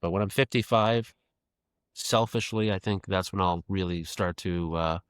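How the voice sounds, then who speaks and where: Earnest fifty-year-old man, low dry voice. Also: moderate pace, clean tone, dry recording. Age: 50s. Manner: earnest, reflective, repeats phrases while thinking. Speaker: podcast guest, creative executive. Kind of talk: casual reflective interview talk.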